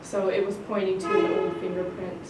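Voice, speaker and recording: A woman's voice: mid-range voice, monotone, brisk. A woman talking casually through a technical problem in a team discussion. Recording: echoey room, distant mic, background noise.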